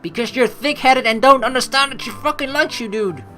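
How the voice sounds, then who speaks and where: Her voice sits high and fairly bright, and she talks briskly: a woman giving casual let's play commentary with game music behind her. She rambles while thinking aloud, reads the game's text, and swears casually at times.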